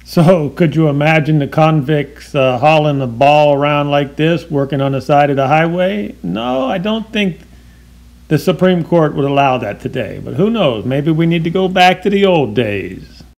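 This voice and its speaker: A man's voice: on the high side, expressive, moderate pace, vocal fry, a little mellow. A man hosting a museum tour video, narrating casually like a tour guide. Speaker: host filming a museum tour. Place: indoor museum rooms. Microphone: handheld camera, behind the camera.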